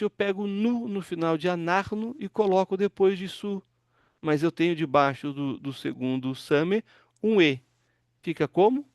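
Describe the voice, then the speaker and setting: A pastor teaching an online Hebrew class, patiently walking students through word forms and asking them to read aloud. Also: male voice, fairly high pitch, dry recording, clean studio sound. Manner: patient, explains step by step, asks students to read.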